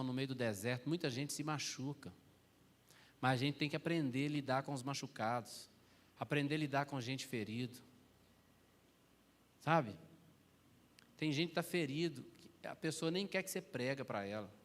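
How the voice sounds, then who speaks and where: A man preaching on a church stage at an ordinary middle pitch, his voice trailing into a long hall reverb. He tells a story by acting out quoted dialogue and repeats key phrases for emphasis. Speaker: pastor. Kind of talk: sermon. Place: large church auditorium.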